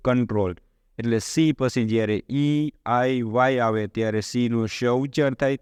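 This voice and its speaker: Man teaching in a smooth, dry voice. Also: medium pitch, darkish tone, no room sound. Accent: Gujarati. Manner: explains step by step and poses questions to the viewer. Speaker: English teacher. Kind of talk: spoken English lesson.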